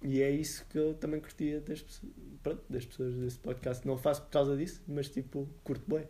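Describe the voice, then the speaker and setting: A young man in casual, slangy podcast chat, thinking aloud in halting repetitions. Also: on the high side, little pitch movement, mellow. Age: young adult. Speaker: podcast co-host.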